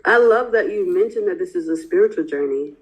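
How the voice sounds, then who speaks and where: A woman interviewing the host on a podcast, talking in a lively, effusive way with many casual fillers. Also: fairly low pitch, brisk, rough recording.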